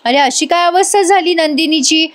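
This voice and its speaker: A woman's voice: very high-pitched, moderate pace, voice pushed up. A woman voicing a worried mother-in-law who demands answers, in a retold serial scene. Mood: anxious.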